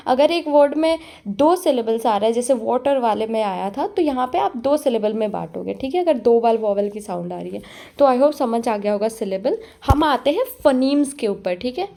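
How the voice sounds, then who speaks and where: A young woman tutor explaining a lesson in Hindi, mixing in English terms and often checking in with a quick "okay". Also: sits high. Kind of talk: explanatory exam-prep lesson.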